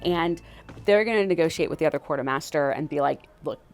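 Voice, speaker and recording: A woman's voice: low-pitched, fast, faint music behind. A woman historian explaining as a guest in a casual way, full of "like" and "you know". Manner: chatty, filler-heavy with frequent 'like, you know'.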